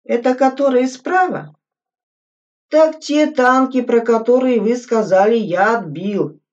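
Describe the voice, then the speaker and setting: A woman voicing a calm, unhurried male corporal with a dry, deadpan manner. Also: on the high side, voice pushed up, natural voice. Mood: lazy. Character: calm, lazy, wry male corporal soldier. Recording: dull audio from a distant mic.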